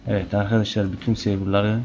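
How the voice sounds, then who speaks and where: Gaming host, male, low mellow voice, chatty Let's Play commentary, dull lo-fi mic. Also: level tone, quick pace. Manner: playful, taunts the game animals, chatty with viewers.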